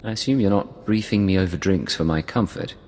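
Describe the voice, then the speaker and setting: An actor playing a composed male Imperial secret agent with a measured, formal manner. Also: low-pitched, darkish tone, close to an everyday voice. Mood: dry, businesslike.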